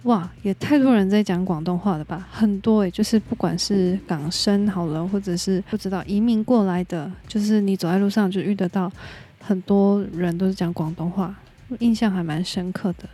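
A Taiwanese-accented woman chats on her own podcast in a relaxed, unscripted way. Her voice is mellow and warm, sitting at a middle pitch. She speaks her mind frankly and slips English words into her talk. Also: normal speed, slightly rough. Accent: Taiwanese Mandarin. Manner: candid and opinionated, drops in English words. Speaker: podcast host. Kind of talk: casual solo podcast chat.

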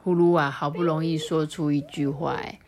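A young mother with a Taiwanese Mandarin accent reading a picture book aloud to a child, chatty and animated. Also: sits low, brisk. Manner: chatty, animated, explaining asides.

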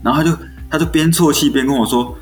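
A man's voice: on the high side, fast talker. A young man in his twenties with a Taiwanese Mandarin accent, an elementary school teacher telling classroom stories in casual chat and acting out what was said. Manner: animated storyteller who acts out quoted dialogue. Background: faint background music.

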